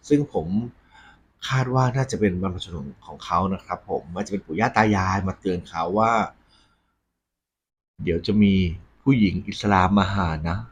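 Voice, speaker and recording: Guy hosting ghost storytime, lowish husky voice, chatty but polite. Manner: polite, frequent Thai male polite particles. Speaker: host of a ghost story segment. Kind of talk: conversational ghost storytelling to an audience.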